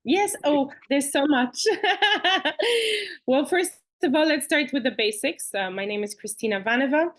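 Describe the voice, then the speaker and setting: Woman guest, fairly high voice, chatty and animated, video call, restarts often. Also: unhurried. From Bulgaria. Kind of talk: conversational interview.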